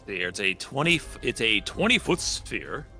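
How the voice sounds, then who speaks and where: Very animated, bright-voiced male player. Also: mid-range voice, moderate pace, faint music behind. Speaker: tabletop game player. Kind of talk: playful casual game chat.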